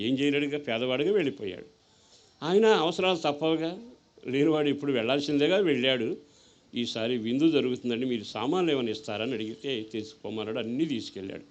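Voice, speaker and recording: A man's voice: medium pitch, quick pace, muffled recording. Telugu-accented man preaching a story sermon. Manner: storytelling with voiced characters, questions to the audience; rises to loud exhortation.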